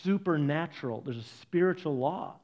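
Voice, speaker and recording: A man preaching a sermon, animated and conversational, acting out quoted voices. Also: normal speed, dull audio. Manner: animated, acts out quoted voices with big pitch jumps. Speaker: pastor.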